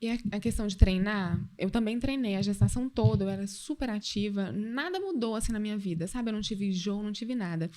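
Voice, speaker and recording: A woman's voice: mid-range voice, fast, hardly any pauses, darkish tone. Woman host, candid chat. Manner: candid, conversational. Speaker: podcast host. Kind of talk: casual chat.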